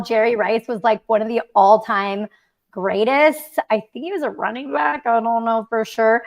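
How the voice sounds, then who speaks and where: A woman's voice: fairly high pitch, a bit bright. A young woman hosting a casual livestream chat, rambling and giggly with lots of fillers. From Mexico City, raised in the Bay Area. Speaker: podcast host.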